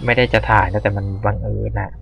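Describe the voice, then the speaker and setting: A man casually commenting while playing a horror game, swearing freely and reacting loudly to scares. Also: lowish voice, level tone, fast, gravelly, lo-fi sound, slight background noise. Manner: talks to himself while exploring. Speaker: gamer. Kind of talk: let's play commentary.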